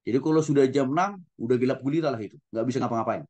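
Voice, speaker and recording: A male pastor delivers a conversational lesson in a gentle, soft-spoken manner. He turns to his audience again and again with affirming asides. His voice sits at a middling pitch. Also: rapid-fire. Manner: addresses listeners often, frequent affirming "ya". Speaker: pastor and teacher. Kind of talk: conversational Bible-school lecture.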